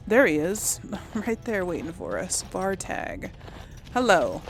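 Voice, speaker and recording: A woman hosting a let's-play video offers casual game commentary, rambling and thinking aloud in an uncertain way. Her voice is fairly low with big pitch swings, she speaks slowly, and there's slight background noise.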